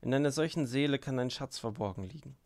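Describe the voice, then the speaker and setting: An earnest young novice monk pleading with quiet fervor, as a male narrator with a gravelly voice reads him. a measured audiobook delivery. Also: mid-range voice, natural voice. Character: young male novice, gentle but impassioned.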